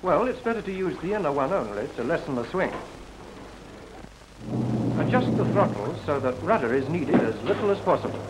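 Playing a didactic RAF officer in a 1940s training film, a man explains procedure in a brisk, clipped, assured way. His voice runs on the high side with big swings in pitch, at normal speed, over a noisy soundtrack.

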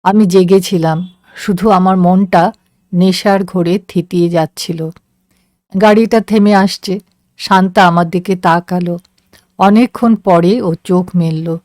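A woman narrating a story in a slow, measured, soft voice. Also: lowish voice, steady tone, no room sound, clean studio sound. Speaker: story reader.

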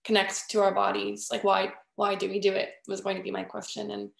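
Female interviewer with vocal fry; inquisitive, recorded with roomy echo. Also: medium pitch, completely flat delivery, fairly quick. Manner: curious, questioning, frequent affirmations. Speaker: interviewer, host. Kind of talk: conversational interview.

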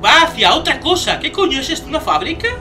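A young man with a Spain Spanish accent doing excitable let's play commentary, swearing and shouting when startled. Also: very high-pitched, fast, faint music behind. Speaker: gaming youtuber.

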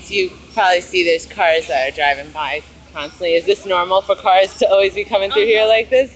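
A woman's voice: lowish voice, fairly even intonation, a little fast, low-quality recording. American woman livestreaming from the street. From United States, Los Angeles. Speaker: livestreaming citizen journalist. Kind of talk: casual live interview and commentary. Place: outdoors at night by a busy street memorial. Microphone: handheld phone, behind the camera.

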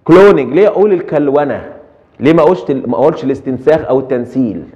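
A man's voice: medium pitch, lively intonation, very fast, lo-fi sound. A middle-aged man with an Egyptian accent giving a translation lecture, asking rhetorical questions and dropping English terms into his Arabic. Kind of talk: recorded lecture.

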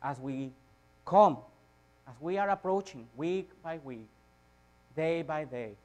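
Speaking from a lectern on a church stage, this preacher from Chile, a native Spanish speaker, delivers a sermon slowly. His voice is higher but darkish in tone, and animated. He repeats points emphatically while his volume rises and drops dramatically.

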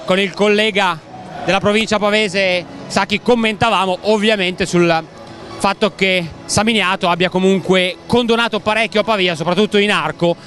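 A man's voice: high-pitched, steady tone, normal speed, a bit bright, faint music behind. A man giving live play-by-play basketball commentary in a wordy, colourful style, as heard on a sports broadcast. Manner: wordy, colourful, rhetorical turns of phrase. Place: large indoor basketball arena, commentary position. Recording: noisy sports hall ambience. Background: clear arena noise.

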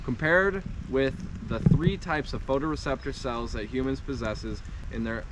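A young man with a medium-pitched voice co-hosts a hiking vlog in bare woods, casually reading facts aloud from his phone. He reads haltingly, stumbles over hard words and laughs often, recorded very noisily on a 360 camera on a handheld stick a few steps away.

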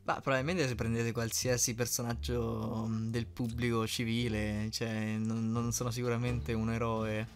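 A man in his early twenties, a YouTube fandubber, reads and answers fan questions in a casual, chatty way. His medium-pitched voice stays level at a normal speed with few pauses, and music plays behind him.

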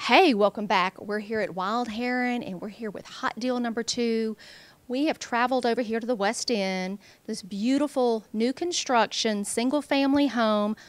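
A woman with a fairly high voice narrates a property tour as a real estate agent. She lists features informally, as if only loosely scripted. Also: moderate pace.

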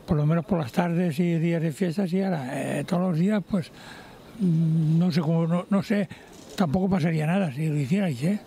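A man's voice: a little high, moderate pace, gravelly, warm tone. An older man interviewed on a town street who hesitates and searches for his words. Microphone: handheld reporter mic.

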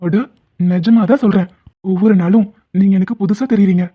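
A woman's voice: medium pitch, steady tone, fairly quick, husky, natural voice. Woman voicing a flirty cartoon husband, tinny. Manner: flirtatious, defensive explaining. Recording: tinny phone-like sound.

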